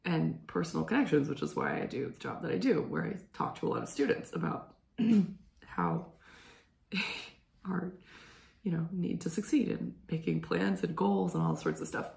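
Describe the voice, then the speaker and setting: A young woman with a hoarse, low, gravelly voice that's a bit mellow and sing-song chats casually on her home knitting show at a moderate pace. She rambles through talkative stories and clears her throat, all in an echoey room.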